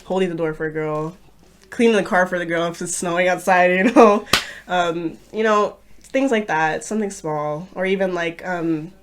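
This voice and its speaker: A woman's voice: lowish voice, moderate pace, background noise. A woman from Canada, a podcast guest, talking in a casual chat, blunt and laughing often.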